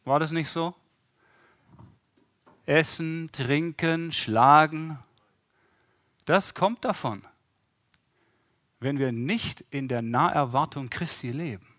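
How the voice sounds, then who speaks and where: A man's voice: on the high side, takes it slowly, pauses often, a bit bright, no echo. A man preaching an interactive sermon, often asking the congregation questions and acting out the voices he quotes.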